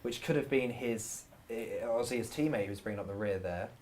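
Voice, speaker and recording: A man's voice: lowish voice, fast, darkish tone. A man hosting live motorsport commentary, calling the action and bringing in his co-commentators.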